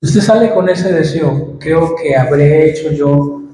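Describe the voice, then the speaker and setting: A male pastor with a fairly high voice preaches in a church hall, and the sound rings back in a very strong echo with a faint hiss underneath. He asks his listeners questions, then answers them himself. He draws out key words slowly to stress them. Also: warm tone. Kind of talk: sermon. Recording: very echoey hall with faint background noise.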